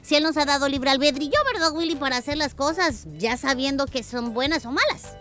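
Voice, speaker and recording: Bright, high-voiced woman co-hosting for children. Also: a little fast, soft background music. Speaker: children's show co-host. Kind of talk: conversational moral advice to child listeners.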